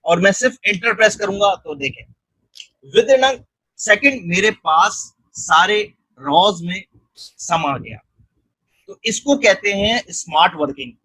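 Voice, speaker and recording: A man narrating a screen-recorded software tutorial step by step. He keeps checking in with the viewer and mixes English technical terms into his speech. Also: sits high, husky, no room sound, poor audio. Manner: step-by-step, repeating "theek hai" and "ye dekhen" to guide the viewer.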